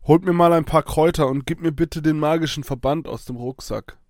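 A man voices a brave, kind young swordsman in an eager, slightly raised voice, pitched above his own natural register. He speaks on the high side and a little fast, and the studio-quality recording is dry and natural-sounding.

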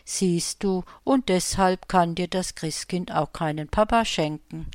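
A woman voicing a kindly, patient old Saint Nicholas in a storybook reading, speaking softly and reassuringly. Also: fairly low pitch, unhurried, dry recording, clean studio sound, lightly acted. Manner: soft, reassuring, fatherly.

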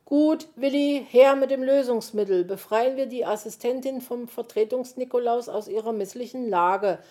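A woman voicing a clever little bird who briskly explains things. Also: fairly high pitch, dark tone, pitched above the performer's own voice, natural voice.

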